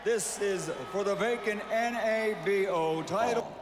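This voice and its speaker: A man working as a bilingual ring announcer, giving showy, drawn-out shouted introductions in the manner of a lucha libre announcer. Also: high-pitched. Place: large indoor boxing arena. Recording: echoey arena PA with loud crowd noise.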